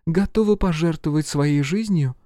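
Guy voicing a cold no-nonsense lady agent, mellow dark tone, dry booth. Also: fairly high pitch, normal speed, no echo, close to an everyday voice. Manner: cold, commanding. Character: Van Straaten, cold determined female agent.

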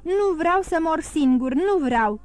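A woman reading a desperate condemned man, voiced loudly as he pleads and protests in panic. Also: very high voice, lively intonation, no room sound, voice pushed up. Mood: desperate shouting. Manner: shouting in panic.

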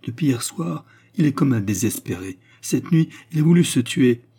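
A male reader voicing a gentle, despairing young woman who pleads and tells of her grief through tears. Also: mid-range voice, lively intonation, normal speed, slightly rough, pitched above the performer's own voice. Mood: anguished. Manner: pleading, tearful.

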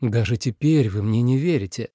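A man's voice: medium pitch, normal speed, dark tone, no echo, clean studio sound, close to an everyday voice. A man voicing a proud, defiant young nobleman who speaks curtly and mockingly in a storybook reading. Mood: cold. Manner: curt, mocking.

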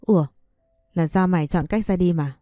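A woman's voice: on the low side, normal speed, dark tone, no echo, clean studio sound, faint music behind, lightly acted. A woman voicing a domineering older mother-in-law in an audio story, speaking with scolding contempt. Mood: scornful.

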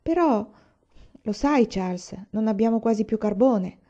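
A woman reading the part of a careful, practical pioneer mother in a storybook, speaking gently but matter-of-factly. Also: a little high, lively intonation, unhurried. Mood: practical, gentle. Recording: dull lo-fi recording.

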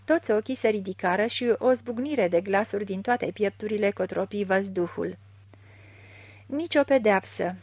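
A woman's voice: mid-range voice, no room sound. Woman reading a literary story. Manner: measured, expressive reading. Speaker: audiobook reader. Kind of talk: literary audiobook narration.

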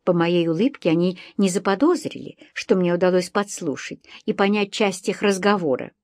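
A woman's voice: lowish voice, expressive, normal speed, darkish tone, dry recording, clean studio sound. Woman narrating an audiobook in first person.

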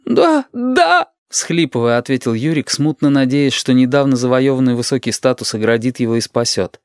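A man narrating an audiobook in an even, measured storytelling voice. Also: medium pitch, smooth, no room sound, studio quality.

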